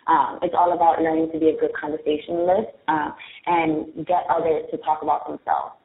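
A young woman with a Spanish and New York Bronx accent appears as an interview guest, candidly laying out branding tips step by step. Her low voice holds a level tone at a fairly quick pace, and the audio sounds tinny and phone-like in a roomy space.

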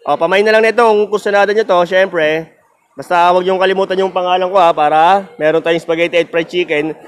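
Man, Filipino accent, high voice, chatty and joking, sore throat, car lot vlog. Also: fairly even intonation, brisk. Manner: joking, chatty, laughs often. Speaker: vlogger showing cars on a used car lot. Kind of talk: casual walk-through vlog.

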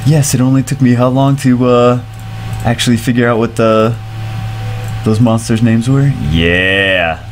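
This streamer, a man in his thirties, has a mid-range, congested voice and takes his time as he chats excitably about games, wandering off and repeating himself. He's recorded on a headset in a small home room, with a little hiss or hum.

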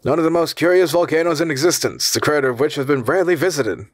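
Reading a storybook, a man takes on the role of a courteous, erudite professor with pride in his country, his delivery formal, earnest and eager. He's a fast talker whose voice, close to everyday, lands slightly above a middle male pitch, captured dry with no room sound.

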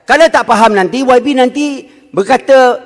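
A man's voice: very high voice, moderate pace. Malaysian man insisting in a parliament chamber. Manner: insistent, mixes in English phrases. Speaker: deputy minister answering in parliament. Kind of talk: parliamentary debate speech. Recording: long chamber reverb.

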